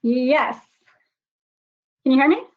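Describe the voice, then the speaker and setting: A woman's voice: sits high, slow pace. A woman giving a webinar presentation with data slides, often hesitating with ums and restarts, her voice warbly over a computer connection. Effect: warbly voice through a computer connection. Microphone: computer microphone. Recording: dull, lo-fi computer audio.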